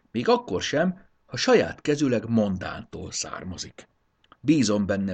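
A man voicing a shy little male math notebook that talks in a fussy, apologetic way, in a low, gravelly voice. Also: exaggerated voice. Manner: fussy, apologetic, long-winded.

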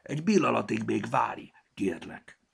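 A man's voice: medium pitch, lively intonation, gravelly, breathy edge, pitched above the performer's own voice, full character voice. A man voicing a sniffly gnome with a blocked nose. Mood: grumbly stuffy. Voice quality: stuffy nose, blocked consonants. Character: sniffly little gnome with a cold.

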